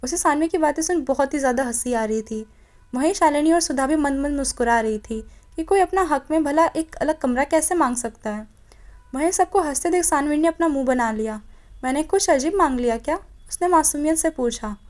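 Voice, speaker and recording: A woman's voice: high-pitched, expressive, a little fast, a little mellow. A woman narrating a romance audiobook, reading each character's lines in slightly changed tones and correcting her own slips. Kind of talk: storybook narration voicing all characters.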